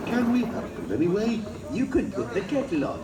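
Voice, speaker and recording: A cheerful, helpful grown-up cartoon zebra, friendly and bouncy in his talk. His pitch rises and falls freely. It is heard from afar in a roomy space with a crowd loud behind. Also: wildly swooping pitch, a little fast, recorded from a distance, full character voice. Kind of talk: children's cartoon acting.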